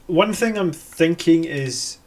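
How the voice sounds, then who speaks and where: On a casual live stream, a Scottish host slowly ponders army lists, his voice sitting on the high side. He fills his thinking aloud with fillers and keeps correcting himself.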